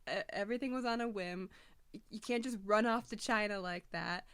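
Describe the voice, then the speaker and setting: A woman's voice: mid-range voice, a little fast, fairly bright tone, clear, resonant tone, dry recording. A woman co-hosting a podcast in casual chat, gushing and laughing often. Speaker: podcast co-host.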